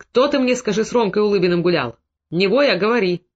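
Brief: man voicing gruff, hoarse, wrathful village father, dull lo-fi audio. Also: high voice, animated, quick pace, fairly bright tone, heavily acted. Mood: menacing. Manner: hoarse, gruff, through clenched teeth. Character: stern middle-aged male Cossack father, wrathful. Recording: dull lo-fi recording.

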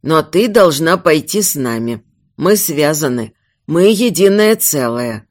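Ghostly father, middle-aged man, hushed, sorrowful, slow, voiced by a woman. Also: deep voice, animated, voice pushed down. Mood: mournful. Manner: quiet, mournful, slow.

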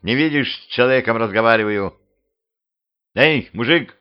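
A man voicing a gruff, practical cemetery watchman who talks bluntly and impatiently, on a dull lo-fi home recording. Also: medium pitch, moderate pace, close to an everyday voice.

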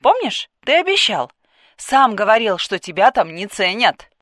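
A woman's voice: medium pitch, sing-song, moderate pace, no room sound, studio quality. A woman playing a coaxing woman on the phone. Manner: coaxing, gently persistent. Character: caring woman urging a cop to quit.

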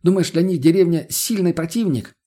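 A man voicing a hot-headed, irritable young man who keeps shouting in exasperation. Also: high voice, a little fast, voice pushed up. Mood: exasperated.

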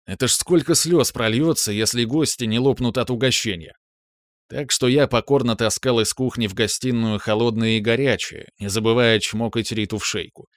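Male audiobook narrator, wry first-person telling, mid pitch, dry close sound. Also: fairly even intonation, normal speed, dry recording.

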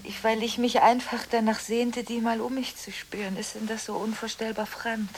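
A woman doing a nervy, stammery lady on the phone, kinda high voice, goes from whispering to loud, radio play. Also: little pitch movement, moderate pace, a little hiss or hum, lightly acted. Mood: defensive quarrel. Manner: stammering, restless, swings between whispering and loud. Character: jittery, scattered woman on the phone. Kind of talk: radio drama acting, one-sided phone calls.

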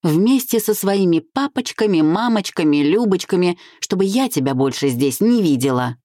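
A woman's voice: fairly low pitch, expressive, moderate pace, mellow, no echo, clean studio sound, pitched above the performer's own voice, close to an everyday voice. A woman voicing a curt, irritable young woman who snaps at her partner, in an audiobook. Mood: sharp. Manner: curt, snapping.

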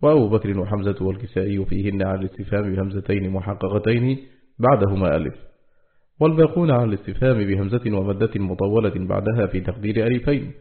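A man with a low, gravelly voice reads a classical text in a steady, formal manner. The sound is thin and phone-like, as if captured on a tinny lo-fi line. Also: fast. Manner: steady, formal recitation of terms. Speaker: audiobook reader. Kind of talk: measured reading of a classical text on Quran readings.

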